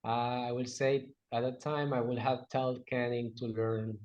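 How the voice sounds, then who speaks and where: Speaking English in an interview, a Venezuelan guest who grew up with Spanish talks in a flat, unhurried manner, his medium-pitched voice carrying a somewhat dark tone. Fillers, restarts and grammar mistakes mark his hesitant speech. The sound is muffled and lo-fi.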